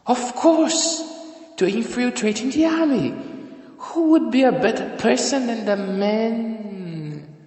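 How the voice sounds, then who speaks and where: A man's voice: very high-pitched, expressive, slow pace, a little mellow, pitched above the performer's own voice, heavily acted. A man voicing an old time-travelling doctor in an audio drama, indignant and emphatic. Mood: indignant, excited. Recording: echoey room with long reverb.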